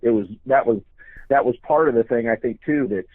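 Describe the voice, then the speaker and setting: An older man reflecting casually in an earnest, halting way, often repeating his phrases. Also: mid-range voice, no room sound. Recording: thin phone-like dry recording.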